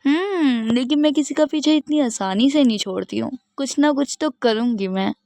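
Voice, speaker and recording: A woman voicing a young female classmate who is pleading and persistent, talking in a soft, earnest way in a doll game role-play. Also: sits high, normal speed, soft background music. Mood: resigned.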